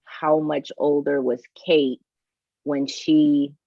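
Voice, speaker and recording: Low-voiced woman podcast co-host. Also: level tone, takes it slowly, creaky, dark tone, no room sound, highs cut off. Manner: thinks aloud with frequent restarts. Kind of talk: casual chat.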